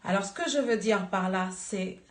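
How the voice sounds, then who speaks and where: A woman giving an earnest church exhortation, slow and searching for words. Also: medium pitch. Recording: echoey room.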